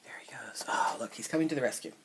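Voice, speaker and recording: A middle-aged woman, an entertainment reporter, chatting casually as she shows off an old toy set, musing aloud with fillers and soft asides. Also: a bass voice, fast, in a whisper. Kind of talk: casual show-and-tell toy review. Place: indoors at a table with the toys. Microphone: camera mic close by.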